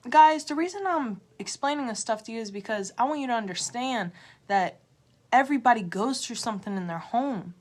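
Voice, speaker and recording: A woman tarot reader giving an emotional motivational pep talk to viewers on a livestream, repeating herself and swinging between loud urging and a hushed near-whisper. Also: a little high, slightly rough. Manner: repetitive, direct address to viewers.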